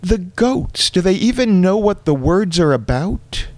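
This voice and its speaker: A man's voice: high-pitched, big pitch swings, a little slow, a little mellow, no echo, pitched above the performer's own voice. A man voicing his elderly mother in a told story, a fussy woman who speaks with condescending, forced patience.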